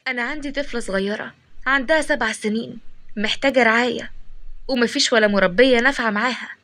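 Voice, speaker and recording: A woman's voice: a little high, quick pace, fairly bright tone. A woman voicing a curt, stern Egyptian shop boss. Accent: Egyptian Arabic. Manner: curt, commanding. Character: stern gruff male shop owner, widowed father.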